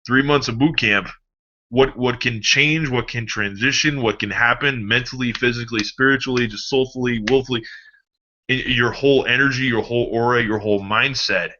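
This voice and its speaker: A man giving a casual motivational pep talk, rambling and animated, swearing freely. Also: medium pitch, normal speed, a little hiss or hum. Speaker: motivational vlogger. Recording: dull lo-fi recording.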